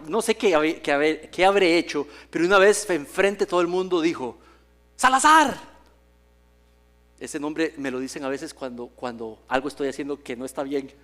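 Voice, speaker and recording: A man's voice: on the high side, a bit bright. A male pastor preaching a sermon in a church, telling stories with humor and acting out the voices he quotes. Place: church sanctuary.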